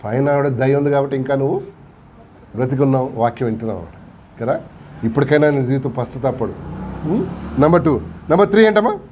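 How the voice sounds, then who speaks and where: A man's voice: medium pitch, expressive, fast talker, pauses often, a little mellow, a little hiss or hum. A man with a Telugu accent preaching a sermon in a church, asking the congregation questions and acting out quotes along the way. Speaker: pastor. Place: church hall.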